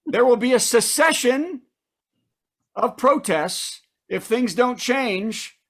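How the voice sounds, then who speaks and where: A comedian hosts with a late-night monologue of punchy jokes. The voice sits at a middling pitch, between a typical man's and woman's range. News-style setups lead into punchlines, broken up by asides to the listeners. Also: animated, slow pace, a bit bright. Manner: sets up news items then delivers punchlines, with asides to the audience. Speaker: comedian host of a virtual comedy show.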